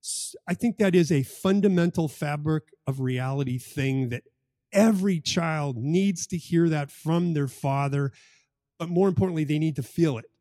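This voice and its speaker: A man's voice: on the high side, normal speed, warm tone, no room sound, clean studio sound. A man co-hosting a podcast conversation, making his points emphatically and repeating key phrases for stress. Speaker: podcast co-host.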